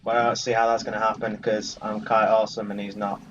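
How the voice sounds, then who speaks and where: Talking fast in a lowish, level voice with a little hiss or hum, a man commentates casually on his own gameplay and brags in a playful way. Game music plays while his distant, muffled mic picks him up.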